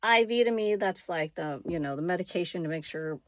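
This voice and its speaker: A woman's voice: lowish voice, fairly quick, dry recording. A woman vlogger telling a personal story casually, with dramatic, emphatic turns.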